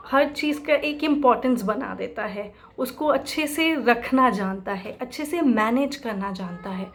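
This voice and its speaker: Slow high-voiced woman teaching. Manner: slow, explanatory, fond of repeating herself. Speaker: chanting teacher. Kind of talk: spoken instruction mixing Hindi and English.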